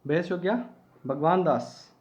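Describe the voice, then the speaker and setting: High-voiced teacher drilling exam facts. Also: male voice, unhurried, a little mellow. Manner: repetitive, drilling key facts, asks and answers his own questions. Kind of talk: online exam-prep lesson.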